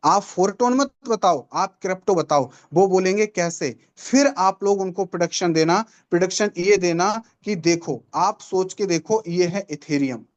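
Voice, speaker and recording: A man's voice: sits high, normal speed, hardly any pauses. A man leads a live online training session, selling hard and persuading. He repeats his key lines for emphasis and keeps turning to the audience with questions. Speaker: network marketing trainer.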